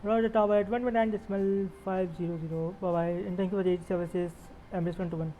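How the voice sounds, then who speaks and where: A woman speaking as an airline pilot into a headset microphone, giving brisk, clipped radio readbacks and cockpit calls. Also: lowish voice, fairly even intonation, warm tone, a little hiss or hum, low-quality recording. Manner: brisk clipped aviation phraseology. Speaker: flight simulator streamer acting as airline pilot.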